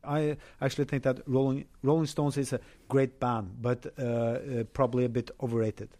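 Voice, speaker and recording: A male author answering interview questions in a hesitant way, with many pauses and restarts. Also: medium pitch, little pitch movement, mellow. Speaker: author, guest.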